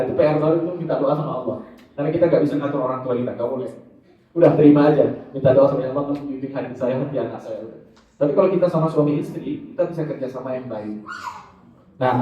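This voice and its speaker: A male Islamic preacher giving a lively, joking religious study talk, calling out to his listeners as he speaks. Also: on the high side. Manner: animated, joking, addresses audience as Pak and Bu. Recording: echoey hall, distant, dull sound.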